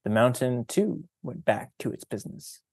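Male presenter, teacherly read-aloud, unhurried delivery, mid pitch, dry close sound. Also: animated, gravelly, a little mellow, breathy edge, no echo. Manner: slow, deliberate, teacherly storytelling. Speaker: presenter reading a picture book.

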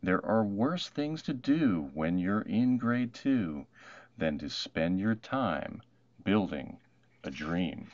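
Deep-voiced man reading a picture book. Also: no echo, lo-fi sound. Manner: expressive, measured storytelling. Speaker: storybook narrator. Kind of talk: rhyming picture book read-aloud.

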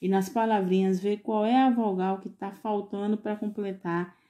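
A woman teaching young children in a recorded lesson, patiently sounding out syllables and coaxing them with gentle diminutives. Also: mid-range voice, fairly even intonation, moderate pace. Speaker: preschool teacher.

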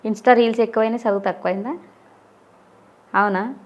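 A woman interviewer asking a child quick, coaxing questions in a casual interview. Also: on the high side, fairly even intonation, dull audio.

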